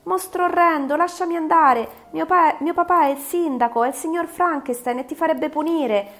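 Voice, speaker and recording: A woman voicing a terrified, defiant young boy in an audiobook, yelling in a shrill high voice. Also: moderate pace, close to an everyday voice.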